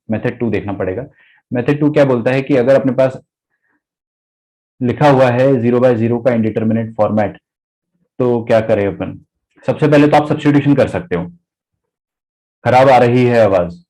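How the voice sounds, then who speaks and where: A male math teacher giving an online class in a casual way, asking the class questions. His voice comes through a laptop mic that is so loud it clips and distorts. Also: medium pitch, moderate pace. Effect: loud clipping distorted mic. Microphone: laptop microphone.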